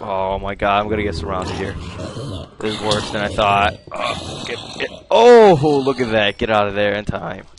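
A young man cursing and complaining through his own live gameplay commentary, swinging from mutters to yells. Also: on the low side, flat delivery, normal speed, noisy background. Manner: cursing, frustrated, swings between muttering and yelling. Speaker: gamer.

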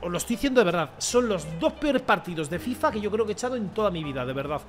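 A young man commentating his own football game. He rants, pleads and shouts at the play, swinging from low mutters to loud yells. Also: sing-song, fast, soft background music. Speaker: gaming streamer. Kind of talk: excited gameplay commentary.

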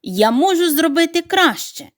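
A woman voicing a loving, anxious mother duck who cries out in a high voice. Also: sing-song, moderate pace. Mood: proud.

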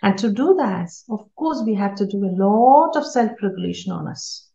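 A woman's voice: medium pitch, expressive, normal speed, gravelly, warm tone. Earnest woman giving a parenting talk. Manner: earnest, repeats key words for emphasis. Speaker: parenting speaker. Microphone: video call. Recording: roomy, slightly dull online call audio.

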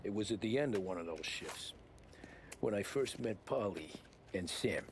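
An actor playing a tired former cab driver turned 1930s gangster, terse and guarded. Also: male voice, fairly low pitch, animated, normal speed, very noisy. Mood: guarded, weary. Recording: game audio with loud score.

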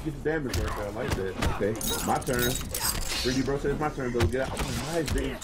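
A man giving excited live fighting game commentary in a slangy, exclaiming manner. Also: medium pitch, a little fast. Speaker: esports tournament commentator. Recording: loud game music behind voice. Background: loud game music.

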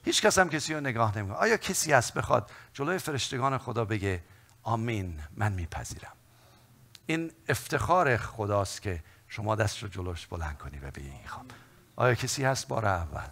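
A man preaching a Pentecost sermon as pastor, moving between hushed pleading and loud fervent calls to prayer. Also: fairly low pitch, big pitch swings, gravelly. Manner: builds from hushed intimacy to loud fervent exhortation; calls out repeated prayer lines for the congregation. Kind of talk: Pentecost sermon with altar call.

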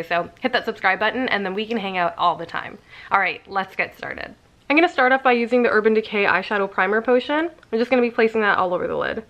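A young adult beauty vlogger chats casually through her makeup routine in the living room at home, walking through each step. She has a cold, sounding slightly congested and nasal, and her medium-pitched voice is fairly bright, with the highs cut off.

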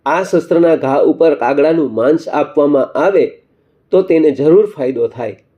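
A man voicing an old male healer who advises gravely in a storybook tale. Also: fairly high pitch, normal speed, warm tone, muffled recording, lightly acted.

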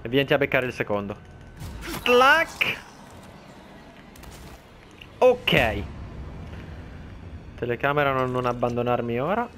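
A man talks his way through a horror game in a chatty commentary voice, taunting the enemies and breaking into sudden high yelps when something surprises him. His voice sits in a middle pitch, with faint game sounds behind it. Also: moderate pace, long pauses, slight background noise. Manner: excitable, talks to enemies, shouts in alarm. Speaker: gameplay commentator. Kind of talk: let's play commentary.

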